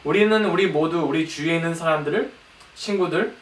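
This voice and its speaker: Echoey man preaching, halting. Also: a little high. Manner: halting, hesitant Korean with frequent pauses. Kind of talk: sermon, reading from prepared notes. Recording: echoey room, distant mic, faint noise.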